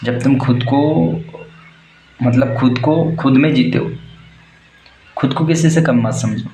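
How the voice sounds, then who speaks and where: A man's voice: medium pitch, takes it slowly, dark tone. Young guy w ranting blunt crude advice, roomy echo, bit of noise. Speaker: warehouse worker giving life advice. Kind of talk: casual motivational monologue.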